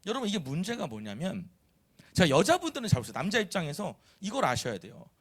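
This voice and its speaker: A man preaching a sermon in a church, animated and teasing, acting out quoted voices. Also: high voice, fast, breathy edge. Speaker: pastor. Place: church sanctuary.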